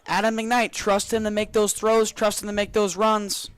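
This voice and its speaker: A man's voice: high-pitched, little pitch movement, normal speed, clean tone, no echo. A man working as a color commentator on live football, enthusiastic and emphatic, repeating his phrases for punch.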